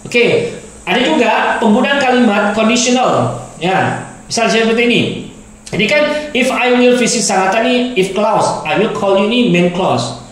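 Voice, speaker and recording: A man's voice: high voice, measured pace, fairly bright tone. A male teacher giving a grammar lesson, explaining patiently and repeating and rephrasing his examples. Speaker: English teacher. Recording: very echoey room.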